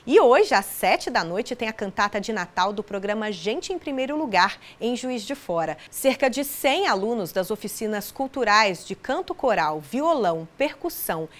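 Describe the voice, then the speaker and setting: A woman's voice: fairly high pitch, big pitch swings, moderate pace, hardly any pauses. A woman in her thirties presenting a local news bulletin in a studio, upbeat and friendly.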